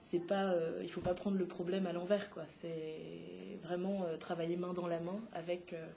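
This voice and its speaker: A young woman in her twenties answers an interviewer's questions, pausing often on filler sounds and starting her sentences over. Her voice is mellow and warm, sitting a little low for a woman. She speaks about her work with a careful, searching manner. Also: level tone, creaky. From Congo (DRC), raised in France. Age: 20s. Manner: halting, many filler sounds and restarts. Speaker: interview guest, playwright and activist. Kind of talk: hesitant spoken interview answers.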